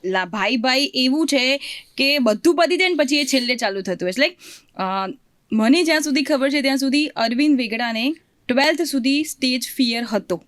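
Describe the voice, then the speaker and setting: A woman's voice: high-pitched, expressive, normal speed, fairly bright tone, dry recording. Encouraging Gujarati woman host, dry sound. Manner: encouraging, frequent short affirmations. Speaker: podcast host. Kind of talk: interview.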